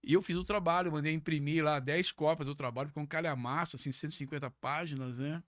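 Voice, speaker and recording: A middle-aged man from São tells stories on a podcast in a casual, animated way, jumping higher when he quotes others. His voice is bright and somewhat high for a man. It is recorded close and dry. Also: fast talker, no room sound. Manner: animated, jumps to high pitch when acting out quoted speech. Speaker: podcast guest. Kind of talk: casual storytelling.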